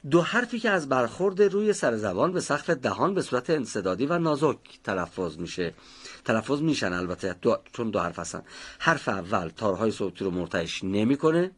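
A man's voice: medium pitch, breathy edge. A man teaching a pronunciation class, patiently explaining how each sound is made and calling on students by name.

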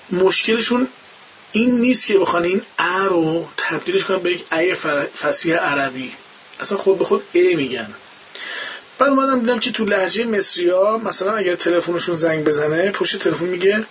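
A man's voice: high-pitched, a bit bright, dull audio, a little hiss or hum. A man who teaches Quran recitation, explaining pronunciation in an interview and acting out the sounds himself. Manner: demonstrates pronunciations by imitating sounds.

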